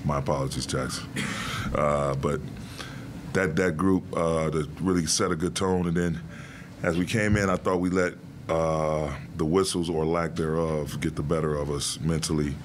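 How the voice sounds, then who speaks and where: A middle-aged man coaching basketball, answering press questions in a measured, deliberate way with many fillers, into a desk mic in a press room. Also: extremely low pitch, steady tone, slight background noise. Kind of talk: postgame press conference answers. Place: press room before a logo backdrop. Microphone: desk mic on a stand.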